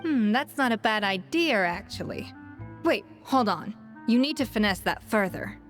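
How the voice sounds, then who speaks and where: A woman's voice: medium pitch, very animated, moderate pace, soft background music, close to an everyday voice. A woman playing a proud, self-assured young master chef in an anime game, composed and earnest, with articulate, formal phrasing. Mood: thoughtful.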